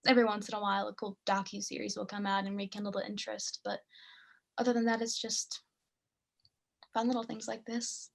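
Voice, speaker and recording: Her mid-range, creaky voice barely moves in pitch and runs a little fast. The young woman is performing naturalistic student theater, cast as a morbidly curious girl out on a date, and she chats casually and somewhat hesitantly with a curious air.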